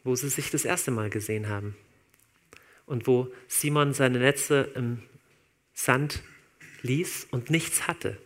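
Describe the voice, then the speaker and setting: A man preaching a sermon in a relaxed, informal way, talking straight to his listeners. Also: medium pitch, slow, long pauses. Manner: conversational, informal, addresses listeners directly.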